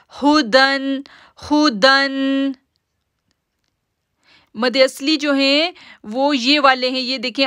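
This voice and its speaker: A woman teaching Quran recitation rules in a live-streamed lesson, explaining patiently step by step and drawing out each word slowly as she recites it. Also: sits high, sharp tone, no room sound, studio quality.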